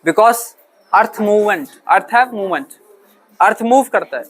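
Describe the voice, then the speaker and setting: A man's voice: sits high, animated, unhurried, fairly bright tone. A male teacher lecturing a classroom, asking questions, answering them himself, mixing in English terms and often checking whether the students understand. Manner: mixes English terms into his talk.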